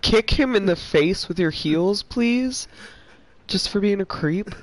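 Woman, streamer, let's play chat, blunt, swears, wisecracks, slow delivery. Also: mid-range voice, animated, a little hiss or hum. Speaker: streamer playing a game. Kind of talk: casual let's play commentary.

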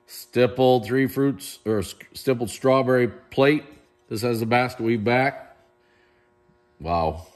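Speaking slowly in a mid-range voice, a middle-aged man gives a casual, enthusiastic tour of auction items while faint music plays behind him. The handheld-camera recording is set in a large warehouse room, and he's chatty and full of praise for the pieces.

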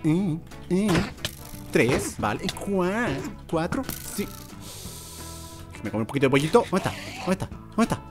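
A young man, commenting on his Minecraft play, muttering to the mobs and bursting out in excitement. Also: fairly high pitch, a little slow, pauses often, over music. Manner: excitable, talks to mobs, swings between mutters and outbursts. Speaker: gaming YouTuber.

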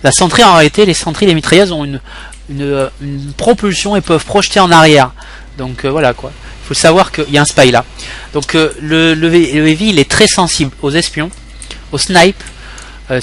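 A man's voice: on the high side, fairly bright tone, a little hiss or hum. A young man from France talking through gameplay as a tutorial host, rambling with many fillers and restarts. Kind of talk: casual gameplay commentary tutorial.

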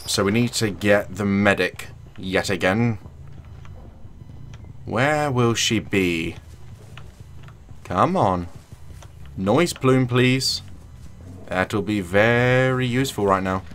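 Fairly low in pitch with a fairly bright tone, a young man hosts a gaming channel and casually comments on his own gameplay. He chats, jokes and teases the other players in a sing-song voice, with a slight hiss or hum behind him.

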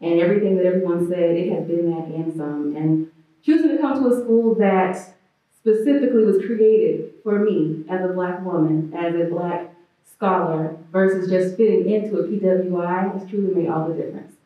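A woman gives an earnest, reflective panel answer in a lowish voice. The sound is thin and phone-like, distant, with heavy echo. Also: moderate pace. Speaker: student panelist.

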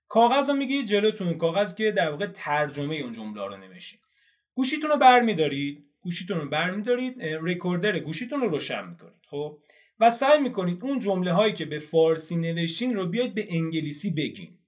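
Man explaining a study method, slightly high voice. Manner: explains step by step, asks and answers own questions. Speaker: English teacher. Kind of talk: video lesson.

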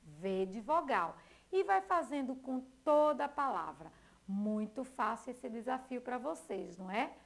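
Slow sing-song woman teacher, lively pitch. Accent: Brazilian Portuguese. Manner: slow, sing-song, spells out letters one by one. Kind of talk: recorded classroom lesson for children.

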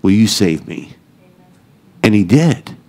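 Slow joking middle-aged male pastor. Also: on the low side, very animated, a little mellow, rough recording. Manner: joking, self-deprecating, laughs often. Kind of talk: sermon with humorous stories.

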